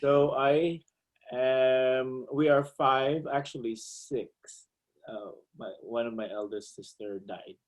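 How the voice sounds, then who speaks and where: A man talking about his family on a video call, hesitant and pausing often. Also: mid-range voice, steady tone, rough recording. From Philippines. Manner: hesitant, with frequent "uh" pauses. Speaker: meeting participant. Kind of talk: casual personal sharing.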